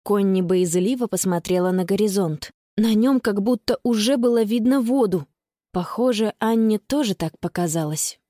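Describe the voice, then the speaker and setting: A woman narrating a children's audiobook with expressive storytelling. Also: medium pitch, moderate pace, dry recording, studio quality.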